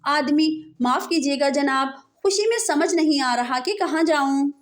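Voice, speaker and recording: Female joke reader, high voice, quick setups and punchlines. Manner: punchlines followed by canned laughter. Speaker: joke teller. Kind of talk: reading out short jokes.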